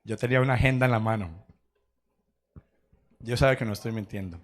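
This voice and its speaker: A man's voice: on the low side, brisk. A man preaching a sermon in a church, telling personal stories with acted quotes and laughter. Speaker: pastor.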